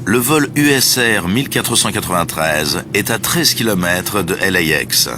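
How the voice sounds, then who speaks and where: A man's voice: low-pitched, lively intonation, measured pace, noisy background. A man reading scripted documentary narration in French. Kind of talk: scripted narration, present tense. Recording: music bed behind the voice.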